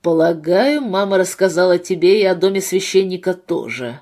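A woman voicing a bitter, wounded husband with a low, muffled voice in a read-aloud novel. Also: animated, normal speed, lightly acted. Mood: hushed. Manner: bitter, hushed.

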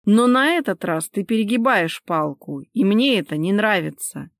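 A woman's voice: mid-range voice, lively intonation, moderate pace, studio quality, natural voice. Female reader as a domineering husband, curt orders, firm and cold, no reverb. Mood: stern cold. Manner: clipped, sarcastic, commanding.

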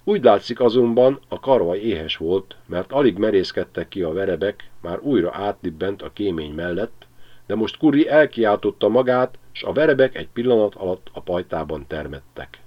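A man narrates a children's novel in a low voice with animated, swooping pitch. The recording is dull and lo-fi. He tells the story expressively. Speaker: audiobook reader.

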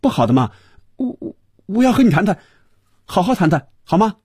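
A man's voice: sits high, big pitch swings, fairly quick, a little mellow, husky, no echo, studio quality, voice pushed up, full character voice. A man voicing a flustered middle-aged boss who stammers in shock.

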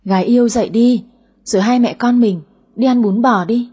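A woman's voice: a little high, normal speed, warm tone, breathy edge. A woman voicing a nagging, fussing middle-aged mother in an audio story. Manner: nagging, complaining.

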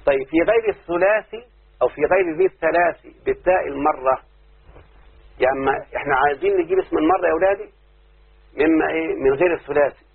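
An Egyptian sheikh teaches grammar to his class, raising questions and waiting for the students to answer back. His voice sits fairly high and carries a gravelly, very husky grain. The sound is thin and phone-like. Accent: Egyptian Arabic. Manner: quizzes students constantly, patient and repetitive. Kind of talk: classroom lesson with call-and-response questions. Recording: tinny phone-like low-fidelity recording.

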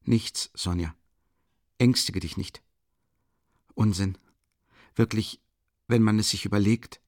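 A feverish, haunted young man murmurs in a weak, drained voice, as a man reads him. The tone is low and sits close and dry. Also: steady tone, slow, darkish tone, no echo. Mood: weary. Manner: faint, murmuring and feeble.

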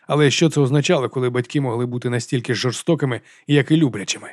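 A male audiobook narrator reading in a steady, measured way, at an ordinary middle pitch. The voice is recorded close on a studio mic, completely dry with no room sound. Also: no room sound. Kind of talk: scripted narration.

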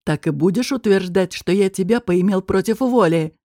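A woman reading an audiobook voices a domineering, menacing man who talks in a low, slow, mocking, threatening way. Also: dark tone, no echo, clean studio sound, natural voice.

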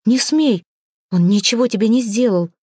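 A firm young healer speaks up indignantly for the man in her care, as a woman reads her part in an audiobook. Her tone is warm and low, with a dry close sound. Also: measured pace, no room sound, close to an everyday voice.

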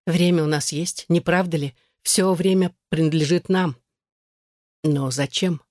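A reader of an audiobook voicing a weary, gently ironic immortal man who speaks softly and sounds worn out. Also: medium pitch, fairly even intonation, unhurried, no echo, natural voice. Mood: weary, resigned.

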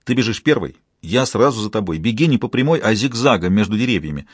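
A man voicing a steady male mountain guide in an audiobook, giving calm, clipped instructions. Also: on the low side, fast talker, slightly rough, no echo, clean studio sound. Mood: urgent. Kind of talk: audiobook dialogue.

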